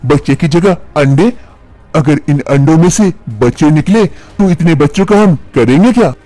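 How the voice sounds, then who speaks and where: A man plays a baffled young husband in a cartoon story, full of incredulous questions. The voice is a bit high and lively. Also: moderate pace, dry recording, close to an everyday voice. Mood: astonished. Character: young husband, puzzled and teasing.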